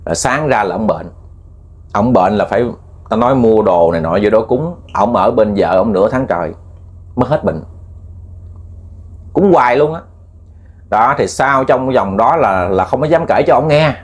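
A man's voice: lowish voice, animated, moderate pace, long pauses. A man with a Southern Vietnamese accent telling a ghost story in a chatty, repetitive way, addressing listeners as family. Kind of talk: casual spoken storytelling.

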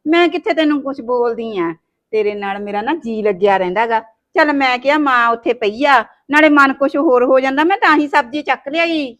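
Woman playing a sharp-tongued young bahu, pretty high voice, scolds then sweet-talks. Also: fairly quick. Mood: wheedling. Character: sharp-tongued scheming young daughter-in-law. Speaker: actress in a village family drama. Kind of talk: village family short-film drama.

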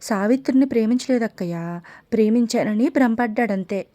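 An eager, chatty younger sister, as a woman narrator puts her on, pitched a little high and talking in a mellow, warm tone. She sounds impatient and a touch haughty. The sound is close and dry, as in an audiobook reading. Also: moderate pace, no echo, lightly acted. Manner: excited, chatty, a bit haughty.

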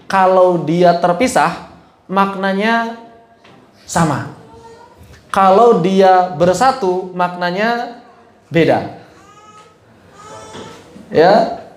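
A man leads a recitation class in a casual, chatty tone, stopping often to ask his listeners questions. His voice sits high, and the room around him rings with noticeable echo. He moves easily between everyday talk and careful explanation. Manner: asks the class questions, mixes casual speech with chanted Arabic. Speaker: Quran recitation teacher. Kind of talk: informal religious lesson.

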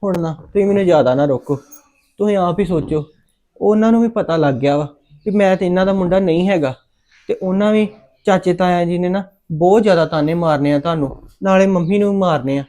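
A man's voice: high-pitched, brisk, mellow, close to an everyday voice. A man with a Punjabi accent playing a young adopted son who is ashamed and insists on leaving home. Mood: hurt pleading.

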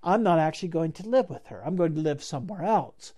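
A man's voice: on the high side, expressive, fast, dark tone, slightly rough. A man preaching a sermon, retelling a Bible story in a casual, conversational way with asides to the listeners. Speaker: pastor.

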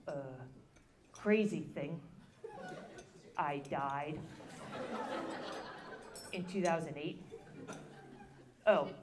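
A woman doing an impression of her dead grandfather, an older man who is calm and matter-of-fact, talking slowly with hesitant ums. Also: low voice.

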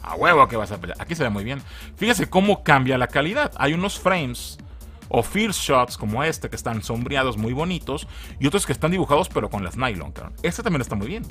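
A man's voice: medium pitch, big pitch swings, fairly quick, a bit bright, soft background music. A man with a Mexican Spanish accent giving a casual spoken video review, joking, swearing and laughing often.

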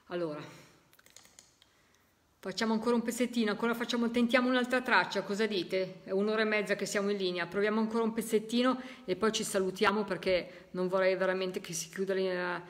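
A woman leading a live spirit-voice session, talking casually and slowly repeating the messages she hears. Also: mid-range voice. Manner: slow, drawn-out repeating of heard messages. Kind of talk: live stream commentary.

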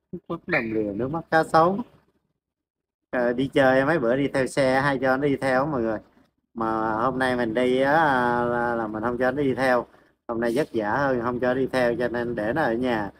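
A man's voice: mid-range voice, slight background noise, low-quality recording. Man baby-talking his dogs. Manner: coaxing baby talk to his dogs, many repeated questions. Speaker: farm pet vlogger. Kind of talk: casual vlog talk to his dogs and viewers. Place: outdoors at a farm home. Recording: outdoor ambience and animal sounds behind.

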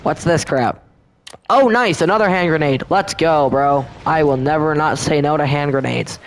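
A man with a slightly high voice commentates his gameplay in a casual, rambling way. He is chatty and quick to get excited, and he keeps addressing the enemies on screen directly. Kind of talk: casual let's-play commentary.

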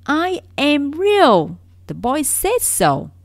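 A timid little toy rabbit with a high, earnest voice that pleads to be believed, as a woman puts him on for a storybook reading. He speaks slowly, his pitch swinging widely. The sound is dry and close. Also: expressive, vocal fry, no echo, full character voice. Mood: desperate. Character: small shabby toy rabbit, timid and yearning.

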